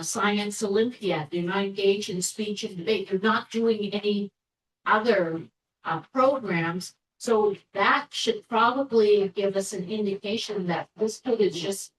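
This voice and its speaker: A woman school board member explaining her view in a meeting discussion, in a thoughtful way with fillers. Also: medium pitch. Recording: echoey room, distant mic.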